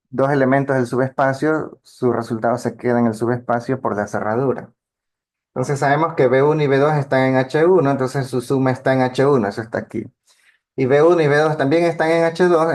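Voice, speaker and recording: In a lecture on linear algebra, a man works through each step with patience and keeps checking in with his listeners. He speaks in a plain teaching voice of medium pitch that sounds a little mellow.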